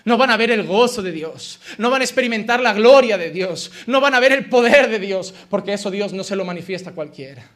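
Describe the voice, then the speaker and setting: A man from Spain preaching with a strikingly high voice and a Spanish accent from Spain. His delivery is impassioned and emphatic, hammering home repeated phrases. The tone is bright and forceful. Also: expressive, a little fast, few pauses. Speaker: pastor. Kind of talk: sermon.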